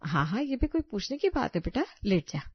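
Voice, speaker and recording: A woman voicing a kind older mother-in-law who scolds fondly and calls out loudly in a cartoon. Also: a little high, very animated, brisk, breathy edge, no room sound, highs cut off, pitched above the performer's own voice, full character voice. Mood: fussing caring.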